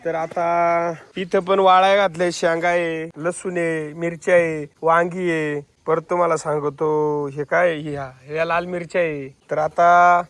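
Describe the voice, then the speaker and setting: This vlogger's voice is a little high and a bit bright, delivered flatly and without hurry, with no echo. Filming on a handheld phone outdoors in farm and village surroundings, he chats casually and addresses his viewers directly.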